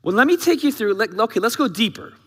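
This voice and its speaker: A male pastor with a high, bright voice preaches in a big church hall, and long reverb trails each phrase. He talks in a lively, conversational way, firing rhetorical questions at the congregation. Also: fast talker. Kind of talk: sermon.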